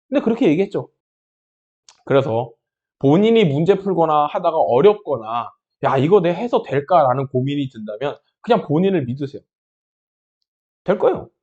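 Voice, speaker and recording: A man's voice: high-pitched, a little mellow, lo-fi sound. A man teaching math who breaks into an impassioned pep talk, scolding and encouraging his students with rhetorical questions.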